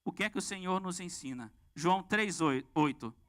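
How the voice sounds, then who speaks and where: A man with a Brazilian Portuguese accent preaching a lively sermon and asking the congregation questions. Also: high voice, normal speed, clear, resonant tone. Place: church.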